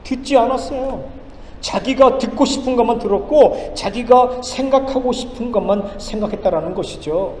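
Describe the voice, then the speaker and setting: High-voiced preacher in an echoey hall. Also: male voice, normal speed, a little hiss or hum. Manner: emphatic, rhetorical questions, dramatic swings in loudness. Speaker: pastor. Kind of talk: sermon. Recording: echoey church hall with faint ambience.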